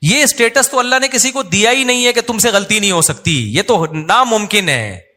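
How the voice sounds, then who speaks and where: A man's voice: high-pitched, lively intonation, normal speed, sharp tone. A man with a Pakistani Urdu accent giving a sermon, conversational and humorous, acting out quotes as he tells stories. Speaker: Islamic preacher.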